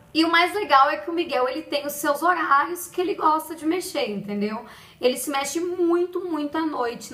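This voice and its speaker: A woman's voice: high-pitched, roomy sound, rough recording. A young Brazilian woman talking casually and expressively to her viewers in a pregnancy diary vlog. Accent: Brazilian Portuguese. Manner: chatty, expressive, addresses viewers directly. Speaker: vlogger.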